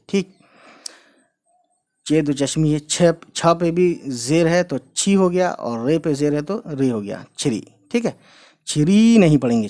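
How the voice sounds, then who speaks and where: A man's voice: mid-range voice, darkish tone. A man teaching how to write Urdu letters in a casual lesson, explaining step by step and repeating each sound, with fillers and English phrases mixed in.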